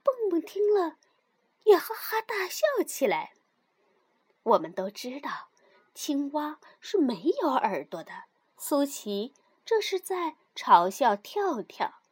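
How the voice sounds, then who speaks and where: A woman narrating a children's story in an expressive, animated reading style. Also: high-pitched, takes it slowly.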